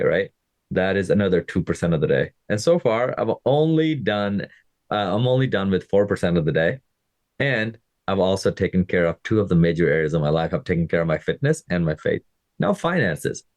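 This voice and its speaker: In a low voice, a man in his thirties from Pakistan, a podcast host and fitness coach, gives a casual motivational monologue, keeping it conversational and often checking in with listeners. No room sound is present.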